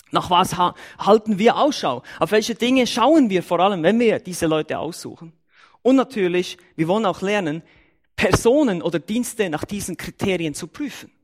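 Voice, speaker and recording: High-pitched male church elder, Bible-teaching sermon, emphatic, counts off his points. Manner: emphatic, repeats and numbers his points, lively rises and drops in pitch.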